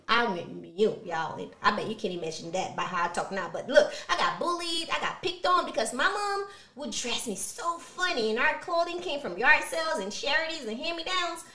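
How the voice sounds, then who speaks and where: This motivational vlogger, a woman in her thirties from Haiti whose first language is Creole, talks to camera with a Haitian Creole accent. Her voice sits high with a sharp tone, echoing around a small indoor studio. Expressive and personal, she drives her points home by repeating words.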